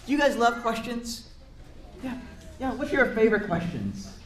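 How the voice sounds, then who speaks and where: In a sing-song manner at normal speed, a man with an extremely high, slightly bright voice reads a picture book aloud to children. He encourages them and chats in asides to explain words and ask questions, with the roomy indoor space producing echo.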